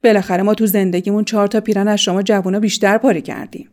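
A woman's voice: mid-range voice, level tone, darkish tone, close to an everyday voice. An actress playing an older, motherly woman who gives knowing advice in a radio drama. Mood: advising. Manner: advising, knowing.

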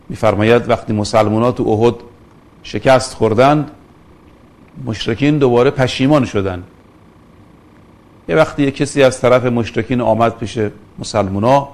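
A man's voice: medium pitch, darkish tone. Man giving a religious lecture. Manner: storytelling, quotes Arabic scripture slowly.

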